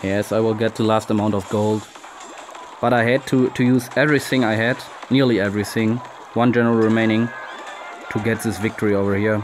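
Crowd noise fills the background as this young German-accented man plays a strategy game at home, speaking fairly quickly in a steady, fairly low voice. He curses his troops in frustration and addresses viewers.

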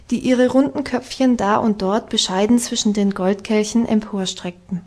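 A woman narrating a classic children's novel as an audiobook, with calm, even storytelling. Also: a little high. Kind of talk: scripted narration.

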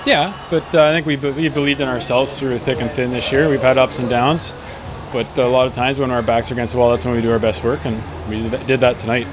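A hockey player in his thirties gives an earnest, upbeat post-match interview outdoors at night beside an arena, speaking into a handheld mic. His mid-range voice is fairly even and quick, full of fillers, with background noise behind him.

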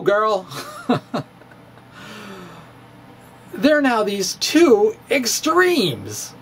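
Here a middle-aged physics blogger dramatically reads his own blog, his pitch swooping in a lively way as he chuckles and throws in asides. The setting is an indoor home study with bookshelves, and a studio microphone on a stand picks him up at close range.

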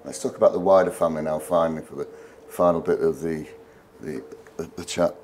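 A low-pitched man puts conversational questions to his guest, leading each one with a short setup. His voice carries a faint hiss in the background. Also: steady tone, fairly quick, darkish tone. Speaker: interviewer. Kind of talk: interview questions.

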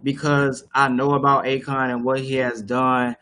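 A man's voice: medium pitch, level tone, moderate pace, sharp tone, a little hiss or hum. A young man hosting a casual discussion on a live video call, explaining at length with many fillers and restarts. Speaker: host. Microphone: webcam on a video call.

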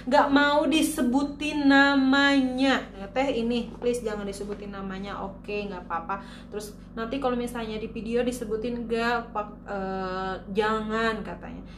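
A woman from Indonesia talks casually to her viewers, holding up items one by one. Her voice sits a little high. The room is echoey, and steady background noise runs under her voice. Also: a little slow. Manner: chatty, showing items to camera. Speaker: vlogger. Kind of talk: casual vlog chat.

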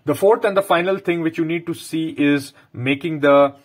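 A man in his thirties with an Indian English accent, explaining a topic to camera and pausing often on "uh". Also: a little high. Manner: explanatory, frequent "uh" fillers. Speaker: power sector consultant. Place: bedroom, indoors.

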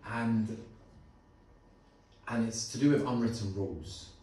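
A man's voice: fairly low pitch, steady tone, slow, warm tone. Echoey, nervous young man at open mic. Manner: informal, rambling, earnest with swearing. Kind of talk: live spoken piece to an audience. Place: small indoor open mic venue. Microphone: handheld mic, filmed by phone from audience. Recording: echoey room from far off, faint noise.

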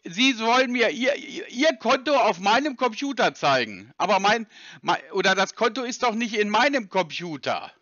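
Man doing a confused caller, high lively voice, bright tone, dry dull phone sound. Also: moderate pace, full character voice. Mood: stubbornly puzzled. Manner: feigns confusion, stubborn repeated questions. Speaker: scam-baiting caller. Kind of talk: prank call, playing dumb.

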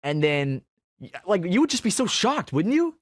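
A man's voice: high voice, big pitch swings, normal speed, no room sound, clean studio sound. A man co-hosting a podcast, chatting casually and rambling through jokey stories. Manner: rambling, jokey, lots of likes and restarts. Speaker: podcast co-host. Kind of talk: casual chat.

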